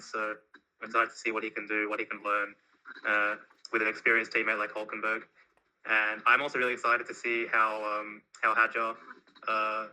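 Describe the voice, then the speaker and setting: A young racing driver on a podcast over a video call, hesitant with many uhs. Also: male voice, on the low side, bright, forceful tone, low-quality recording. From Melbourne.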